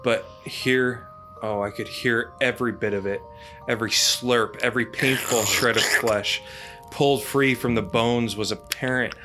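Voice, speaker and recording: A man's voice: mid-range voice, steady tone, unhurried, bright, forceful tone, faint music behind. A man hosting a podcast, reading a scary campfire story aloud with dramatic delivery. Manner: dramatic reading broken by laughter. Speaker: podcast host.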